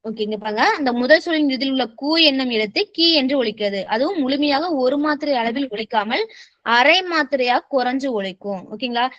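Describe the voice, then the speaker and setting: A woman's voice: sits high, brisk, fairly bright tone, dry recording. A woman teaching a grammar lesson. She keeps checking in with her students and mixes English words into her explanations. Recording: dull, slightly muffled sound.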